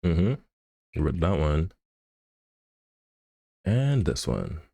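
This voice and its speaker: A man's voice: rumbling low, sing-song, slow, vocal fry, dark tone, no room sound. A man streaming live, thinking aloud and muttering to himself as he edits an animation in a casual, laid-back way. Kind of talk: casual livestream commentary while animating.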